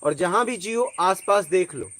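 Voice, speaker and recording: Man, spiritual teacher, informal talk, conversational storyteller, asks if you follow, slightly high voice. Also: lively intonation, moderate pace, fairly bright tone. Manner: conversational, tells personal stories, asks listeners if they follow.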